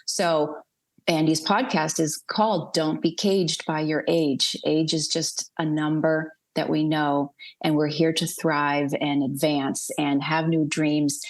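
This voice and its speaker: A woman's voice: sits low, little pitch movement, takes it slowly. A woman hosting a podcast interview, introducing her guest and chiming in with short affirmations. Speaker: podcast host. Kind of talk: conversational interview.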